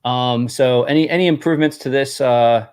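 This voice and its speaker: A man's voice: medium pitch, normal speed, a little mellow, clean tone. A man hosting a casual live demo, rambling, repeating words and laughing easily. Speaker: host demoing a game tool.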